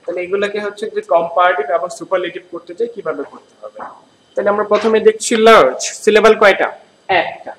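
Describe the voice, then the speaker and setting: A man's voice: high-pitched, fairly bright tone, rough recording. Patient Bangladeshi male teacher explaining grammar. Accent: Bangladeshi Bengali. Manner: patient, repeats words slowly and asks the class questions. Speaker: school English teacher. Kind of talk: classroom grammar lesson.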